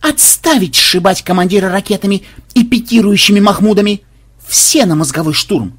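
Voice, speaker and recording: A man's voice: mid-range voice, lively intonation, moderate pace, bright, forceful tone, slightly rough. A man voicing a brusque male squad commander barking orders in an audiobook. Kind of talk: audiobook voice acting.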